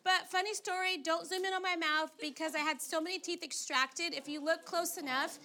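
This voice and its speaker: A woman's voice: very high voice, fairly even intonation, a little fast, crowd noise. A woman preaches emphatically and encouragingly, her mouth not opening wide after wisdom teeth surgery. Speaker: preacher, speaker at a church leadership gathering. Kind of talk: sermon. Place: large indoor room with audience. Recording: live room with audience behind.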